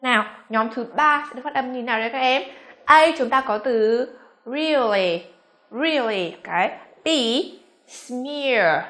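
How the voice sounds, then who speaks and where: A fairly high-voiced young woman with a Vietnamese accent leads a pronunciation lesson. She stretches out each example word slowly and keeps checking with her students. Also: a bit bright. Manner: slow, drawn-out modeling of words, quizzing students. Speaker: English pronunciation teacher.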